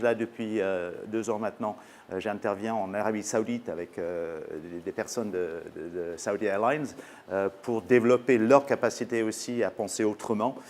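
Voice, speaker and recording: A man's voice: lowish voice, a little mellow, slight background noise. A man with an English accent, a native English speaker, giving a conference talk in French as a business school professor, hesitant with many fillers and restarts. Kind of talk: conference presentation.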